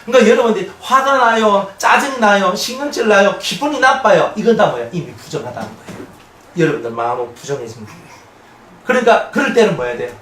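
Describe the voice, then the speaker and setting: A male pastor preaching an expository sermon, conversational and animated, often asking the congregation questions. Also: high-pitched, quick pace. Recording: echoey room, mic at a distance, faint noise.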